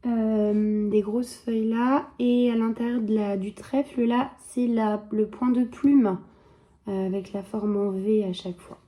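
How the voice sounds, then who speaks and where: A woman with a mellow, soft voice chats about her stitching in a relaxed show-and-tell. She hesitates often and fills pauses with small sounds. Now and then her voice drops to a murmur. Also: on the high side. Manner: chatty, hesitant, many fillers; soft, sometimes drops to a murmur while checking. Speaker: embroidery vlogger.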